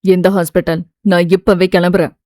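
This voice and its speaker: A woman voicing an impulsive young man, blunt and rough-spoken, in a dry, close audiobook recording. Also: lowish voice, little pitch movement, moderate pace, a little mellow, no room sound, voice pushed down, lightly acted. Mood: hurt.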